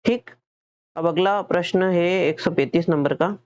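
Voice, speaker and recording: In this lo-fi recording, a teacher with a high voice and a Hindi accent talks a little slowly through an exam-prep lesson. He breaks exam questions into steps, asking and answering them himself while often restating and fixing what he just said.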